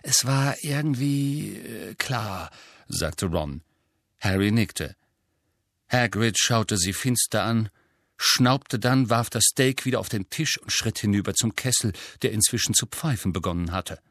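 A man narrating an audiobook in a measured, even storytelling manner. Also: lowish voice, dry recording. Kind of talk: scripted narration.

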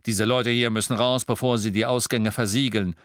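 Guy reading as a young wizard lad, raised and loud, urgent orders, dry sound. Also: a little high, lively intonation, normal speed, no echo, pitched above the performer's own voice, natural voice. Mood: authoritative. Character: teenage boy wizard, commanding and urgent.

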